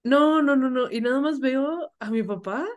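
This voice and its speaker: Young woman, co-host, lively chatty storyteller who laughs a lot. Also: high voice, moderate pace, muffled recording. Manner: animated storyteller, laughs often, acts out voices. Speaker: podcast co-host. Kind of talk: casual storytelling chat.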